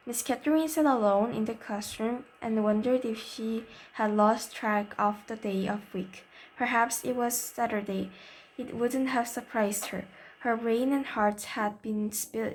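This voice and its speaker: A woman's voice: on the high side, slight background noise. A woman, a native Korean speaker, reading a novel aloud in English carefully, correcting her slips. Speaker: reader.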